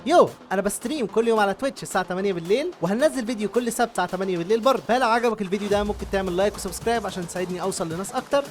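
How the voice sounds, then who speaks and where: A young man with an Egyptian Arabic accent, a gaming streamer giving excitable let's-play commentary full of shouted, teasing reactions. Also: high-pitched, rapid-fire, hardly any pauses, soft background music. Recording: noisy background.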